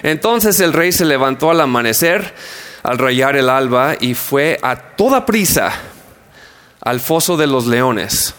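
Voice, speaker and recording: A man's voice: mid-range voice, lively intonation, slow pace, a bit bright. A man preaching a sermon, retelling a story with playful asides and acted-out scenes. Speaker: pastor.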